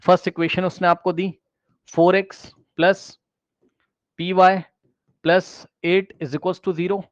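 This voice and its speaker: A man's voice: sits high, little pitch movement, slow, no room sound, dull audio. A man teaching a math class, questioning students directly and repeating key phrases, mixing English math terms into his explanation.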